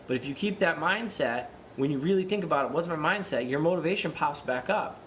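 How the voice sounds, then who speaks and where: A man's voice: fairly high pitch, lively intonation, brisk, a bit bright. Earnest man talking motivation over background noise. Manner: earnest, asks himself questions and answers them. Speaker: fitness vlogger. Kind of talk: casual motivational talk to camera.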